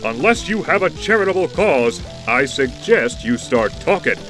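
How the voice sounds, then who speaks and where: A man's voice: on the high side, very animated, normal speed, music in the background. A man playing a wisecracking, earnest young superhero in a campy audio drama, speaking in a folksy, quippy, heroic way. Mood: defiant.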